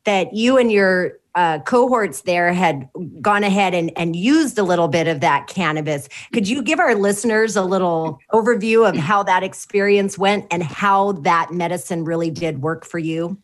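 A woman co-hosting a talk show, who is a nurse, asking a guest questions with frequent hesitations. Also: on the low side. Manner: hesitant, fills pauses with um and uh. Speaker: co-host, nurse. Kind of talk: interview questions.

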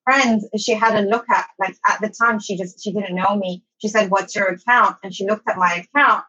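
She talks briskly and steadily at medium pitch, bright and forceful with a breathy edge, though the audio lacks its highs. As an interview guest and online English teacher, she casually recounts being born in Somalia, moving as a child to Saudi Arabia, and then going on to London.

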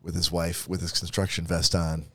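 A man's voice: low voice, level tone, moderate pace. A man co-hosting a casual podcast, rambling through an anecdote with fillers. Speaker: podcast co-host. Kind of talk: casual chat.

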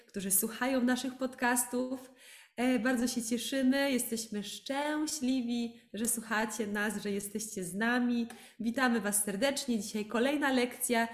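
A woman hosting a language podcast, teaching Polish slowly and clearly and laughing often. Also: fairly high pitch, echoey room. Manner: slow, clear teaching delivery with frequent laughs.

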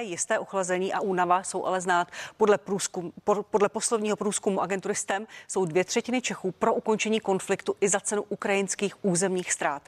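A woman hosting a political talk show, moderating the debate and announcing the next guests. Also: medium pitch.

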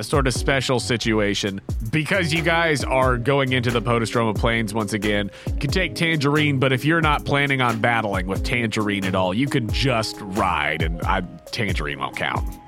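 A man acting as game master, casually narrating a tabletop role-playing game. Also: lowish voice. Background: background music.

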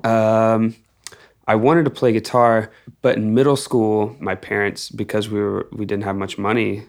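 This young Texan musician, a guest in an interview, rambles through casual, informal stories and stresses the key words. He speaks unhurriedly in a fairly low, level-toned voice.

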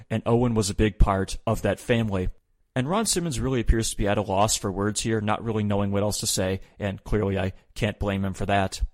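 Podcast host, male, fairly low pitch, dry close mic, wry scripted recap delivery. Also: a little mellow, no room sound. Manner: wry, opinionated commentary with mild swearing.

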